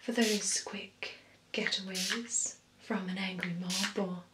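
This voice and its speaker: A young adult ASMR performer plays a poised, courteous vampire spa beautician, whispering breathily and softly into a close binaural mic with background hiss. Her mid-range, fairly even voice stays close to everyday speech, and she is slow, soothing, formal, attentive and professional.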